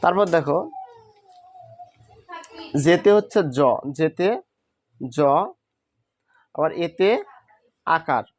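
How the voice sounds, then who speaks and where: A man's voice: fairly high pitch, very slow, long pauses, a little hiss or hum. A man teaching a spoken lesson, patiently asking questions and answering them himself. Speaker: English teacher.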